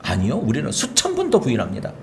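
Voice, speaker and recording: A male pastor giving an animated sermon, often acting out the lines of the people he talks about. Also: medium pitch, fast, slight background noise. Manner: animated preaching, acting out quoted speech.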